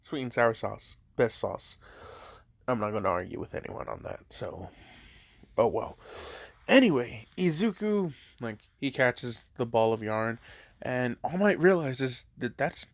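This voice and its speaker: In a dry recording, a man with a medium-pitched voice and big swings in pitch talks a little slowly. He casually narrates a fan story, rambling and saying "like" a lot, swearing now and then, and talking between bites of food.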